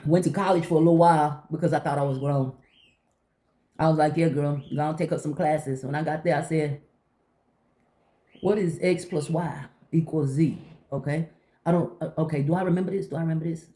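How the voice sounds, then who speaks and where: A middle-aged woman chatting casually to viewers while eating, telling stories in an animated way and acting out conversations. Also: deep voice, a little fast, pauses often. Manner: talking while eating breakfast. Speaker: vlogger.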